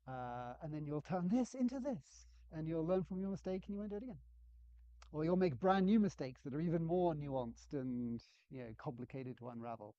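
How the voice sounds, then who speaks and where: A man's voice: fairly high pitch, expressive, a little fast, warm tone, no room sound. A man giving a casual lecture on game development, chatty and self-deprecating, acting out quotes. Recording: dull, slightly lo-fi sound.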